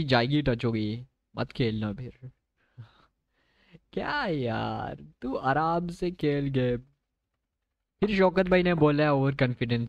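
A man's voice: medium pitch, dry recording, dull audio. A man giving chatty live commentary on his game, talking straight to his viewers and mixing in English phrases. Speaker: gaming streamer.

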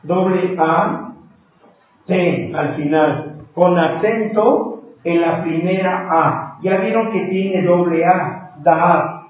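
Calling his listeners brothers, a man patiently teaches a live-streamed Bible class, slowly and deliberately spelling out every word letter by letter. Far from the microphone, his somewhat high male voice reverberates through a strongly echoing room and comes across narrow, like a phone.

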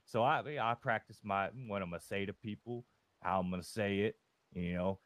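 A man's voice: fairly low pitch, steady tone, moderate pace, fairly bright tone, a little hiss or hum. A man playing a rambling, folksy, boastful undertaker in a western role-play over voice chat. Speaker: roleplayer as undertaker.

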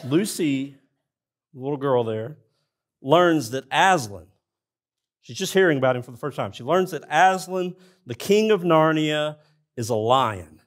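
A man preaching a sermon in a church, speaking earnestly and addressing the congregation directly. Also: mid-range voice. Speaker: pastor. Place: church sanctuary.

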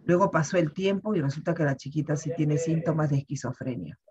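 A woman pastor recounting a story in an animated way and acting out the dialogue. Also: sits low, brisk, dull audio. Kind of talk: storytelling talk.

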